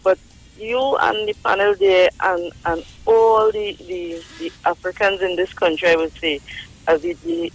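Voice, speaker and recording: A woman's voice: mid-range voice, expressive, measured pace, gravelly, faint music behind. A woman with a Trinidadian accent calling in to a radio talk show, her phone line breaking up as she speaks earnestly and repeats words while searching for them. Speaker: caller. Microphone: phone call.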